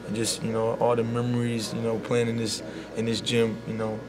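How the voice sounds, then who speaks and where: A young man, a college basketball player speaking softly and sincerely in a media scrum, leaning on "you know.". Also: medium pitch, completely flat delivery, a little fast, crowd noise. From Bahamas. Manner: soft-spoken and heartfelt, full of "you know". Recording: loud background noise.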